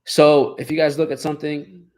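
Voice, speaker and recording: A man's voice: on the high side, little pitch movement, normal speed, darkish tone. A man hosting a live Q&A on trading, casually encouraging his students and talking through their journals with lots of fillers and restarts. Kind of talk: casual live-stream talk.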